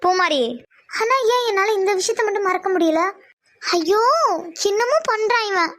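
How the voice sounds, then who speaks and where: A woman's voice: extremely high pitch, a little slow, a bit bright. A woman voicing a moody, lovesick teenage village girl in a cartoon, brooding and sulky. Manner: brooding, sulky, talks back. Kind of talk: cartoon voice acting.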